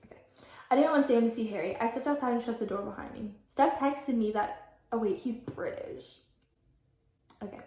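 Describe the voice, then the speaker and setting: A woman's voice: fairly high pitch, fairly quick, a little mellow. A young woman reading her old fan fiction aloud in a casual vlog. She breaks off with self-mocking asides, corrects her own reading and fills her talk with "like". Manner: chatty, fills speech with "like". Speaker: vlogger. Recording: roomy echo.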